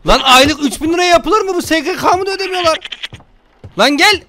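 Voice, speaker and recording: A young man giving joking, casual let's-play commentary, scolding and teasing a game baby with rough slang. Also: extremely high pitch, a little fast, noisy background. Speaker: gaming streamer.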